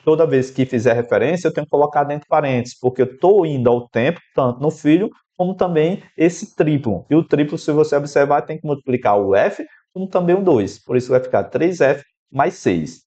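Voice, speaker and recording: Speaking fairly quickly with few pauses, a man with a Brazilian Portuguese accent explains an equation step by step for an exam-prep math lesson, talking directly to the student. His voice is on the high side, warm, with lively intonation. The recording has a slightly dull, lo-fi quality.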